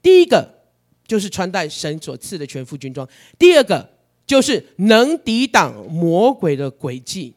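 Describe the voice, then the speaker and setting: A man preaching a sermon, telling his story in an animated, emotional way. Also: high voice.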